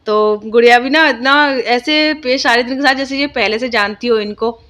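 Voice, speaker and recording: A young woman vlogger narrates her day in a voice-over, speaking a little high at a moderate pace with a fairly bright tone. Her casual narration is chatty and homely, with lots of fillers.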